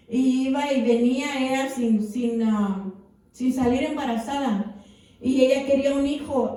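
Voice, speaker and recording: A woman's voice: high-pitched, warm tone. A woman pastor preaching a sermon with fervor, often adding amens. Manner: fervent preaching with repeated amens. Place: church. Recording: echoey church hall, voice from far off.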